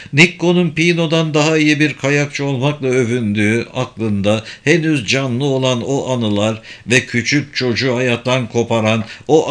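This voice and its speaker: A man narrating an audiobook in a measured, somber reading. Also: medium pitch, a bit bright.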